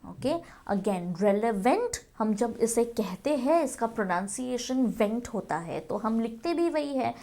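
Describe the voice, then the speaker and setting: A woman's voice: fairly high pitch, animated, slow, few pauses, warm tone. A woman teaching English spelling in a mix of Hindi and English, spelling words letter by letter and often saying "okay". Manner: addresses viewers as friends, frequent "okay".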